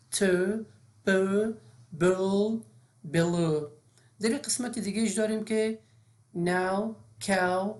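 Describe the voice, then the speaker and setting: A woman's voice: mid-range voice, darkish tone. A woman, teaching an English phonics lesson step by step with frequent fillers.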